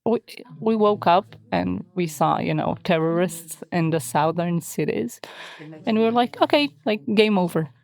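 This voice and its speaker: A woman in her thirties with an Israeli accent, speaking English as a second language in a casual interview, often pausing on "like" and other fillers. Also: lowish voice, expressive, a little mellow. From Israel, born in Russia. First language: Hebrew. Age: 30s. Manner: hesitant, many "like" fillers. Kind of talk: casual conversation. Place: hotel bomb shelter.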